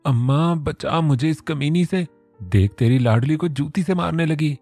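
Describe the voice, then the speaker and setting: A man voicing a cheeky excitable young girl. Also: on the high side, unhurried, no room sound, soft background music, pitched above the performer's own voice. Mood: excited. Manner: playful, teasing.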